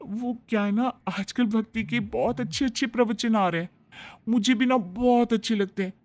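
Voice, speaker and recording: A woman voicing a young, flattering daughter-in-law who complains and pleads. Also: on the high side, moderate pace, pitched above the performer's own voice, natural voice. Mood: whiny.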